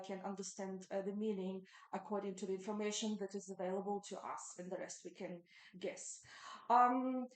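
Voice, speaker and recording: Halting woman presenting, echoey. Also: fairly high pitch. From Ukraine. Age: 30s. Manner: halting, with frequent ums and uhs. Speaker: conference presenter. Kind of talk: academic conference talk.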